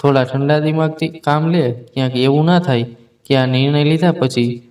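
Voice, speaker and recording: A man voicing a calm, caring mother of a grown daughter in a spoken story, talking gently. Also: on the high side, moderate pace, close to an everyday voice. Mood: soothing. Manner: soothing and gentle.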